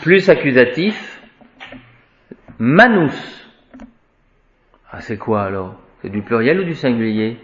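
A man's voice: medium pitch, big pitch swings, a bit bright, slight background noise. A man teaching Latin grammar to a class, chanting declensions and explaining word by word. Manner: chants declensions, slow and deliberate. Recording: echoey room, dull lo-fi sound.

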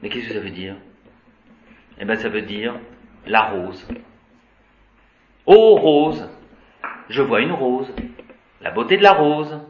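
A man's voice: medium pitch, lively intonation, takes it slowly, pauses often. A man teaching Latin to a class, reciting declensions in a sing-song and wandering into playful asides. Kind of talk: classroom lecture. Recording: dull, echoey room with faint noise.

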